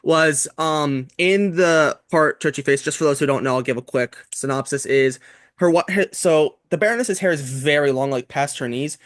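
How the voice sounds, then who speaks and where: A man with a somewhat high voice hosts a casual podcast chat. He rambles, piling up "like" and restarting his sentences. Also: moderate pace, a bit bright. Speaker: podcast host.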